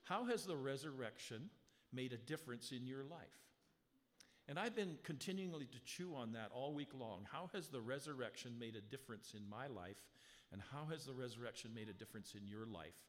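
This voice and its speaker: In a church sanctuary, a male pastor with a strong, animated mid-range voice preaches in a conversational style, posing rhetorical questions to the congregation. His scripture readings come slowly and emphatically. The sound comes through a handheld or stand mic adjusted live, with a long hall reverb.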